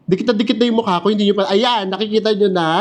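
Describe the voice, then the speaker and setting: A man's voice: high voice, steady tone, fast talker. A man giving a casual, chatty tour of a hotel room, laughing often and making playful asides. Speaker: travel vlogger.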